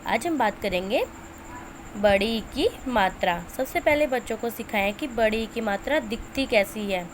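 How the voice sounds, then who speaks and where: A woman teaching young children's letter sounds, stretching and repeating each sound slowly. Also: on the high side, a little hiss or hum. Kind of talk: Hindi lesson for teachers and parents.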